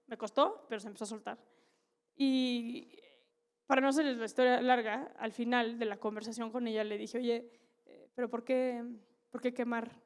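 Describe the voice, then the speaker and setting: A woman with a Mexican Spanish accent, a conference speaker telling a story to an audience in a candid, lively way with slang and asides. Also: a little high, moderate pace, clear, resonant tone. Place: conference stage in a large hall.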